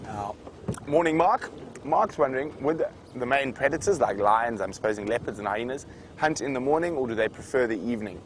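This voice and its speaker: Animated and brisk, a man with a mid-range voice hosts a live savanna game drive from an open vehicle. He explains the wildlife to his viewers conversationally and without a script, surrounded by noisy outdoor vehicle sounds.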